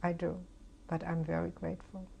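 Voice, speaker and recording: Older woman with a gravelly voice. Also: on the low side, little pitch movement, warm tone. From Germany. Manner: reflective, halting, with frequent restarts. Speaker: interviewee. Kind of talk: oral history testimony. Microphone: interview recording.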